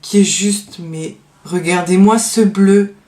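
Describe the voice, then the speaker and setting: Low-pitched and dark-toned, this woman speaks slowly and steadily in a reverberant space while showing off her favorite nail polishes. It's a casual show-and-tell vlog; she hesitates, uses plenty of fillers and lets sentences trail off with "donc voilà," but enthusiasm for her favorites shines through.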